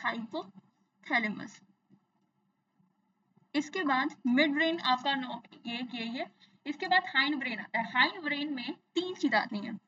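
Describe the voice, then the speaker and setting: A woman's voice: sits high, pushed and bright, far from the mic, dull audio. A young adult woman teaching a science lesson, asking and answering her own questions and repeating key terms. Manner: explains in Hindi mixed with English, repeats terms, asks and answers own questions. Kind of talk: exam-focused science lesson.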